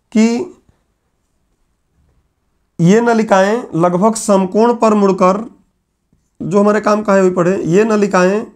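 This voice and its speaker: A male teacher giving a classroom lecture, repeating key phrases slowly so students can write them down. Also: sits high. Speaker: exam coaching teacher. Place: classroom with whiteboard.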